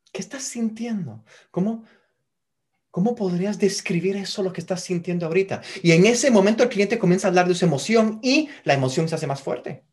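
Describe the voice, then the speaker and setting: Hypnosis teacher, husky breathy tone, repeats words, frequent "ok?" check-ins. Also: mid-range voice. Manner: checks in often with a quick "ok?"; shifts voice to demonstrate hypnotic questioning. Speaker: hypnosis instructor. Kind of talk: teaching a recorded tutorial.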